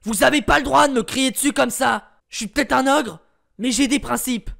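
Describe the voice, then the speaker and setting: A man voicing a grumpy ogre bickering with his loud, chattering sidekick. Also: very high voice, moderate pace, vocal fry, voice pushed up, full character voice.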